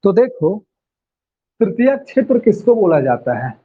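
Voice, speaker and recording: A man's voice: high voice, big pitch swings, normal speed, husky. A male teacher giving an online class lecture, repeating key phrases and firing questions at his students. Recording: tinny lo-fi phone-like audio.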